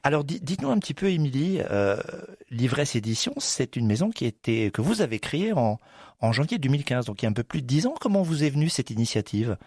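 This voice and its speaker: A man, a radio columnist interviewing a guest in a courteous, animated manner. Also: mid-range voice, fast, breathy edge, dry recording, clean studio sound. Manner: animated, courteous, hesitant fillers.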